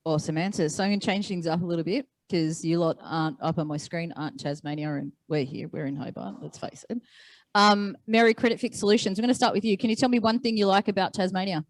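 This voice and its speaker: Woman, Australian accent, panel moderator, lowish voice, dry close sound, playful and chatty. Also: fast talker, no room sound. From Queensland. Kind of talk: live panel hosting. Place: conference venue.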